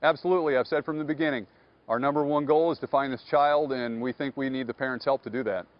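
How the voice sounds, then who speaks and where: A man speaking as a police captain in a live TV news interview, measured and guarded, often filling pauses with "uh" and "you know". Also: mid-range voice, steady tone, muffled recording. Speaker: police captain, investigation spokesman.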